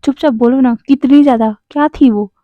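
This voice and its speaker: A woman's voice: high-pitched, brisk, no room sound, lightly acted. A woman playing a grumpy scolding young man. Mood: impatient. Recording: dry, dull lo-fi sound.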